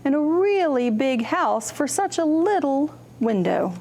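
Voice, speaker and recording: With a high voice and a slightly slow pace, a librarian reads picture books aloud at a children's storytime, some slight background noise audible. She reads with expression, acts out contrasts with her voice, and asks the young listeners simple questions.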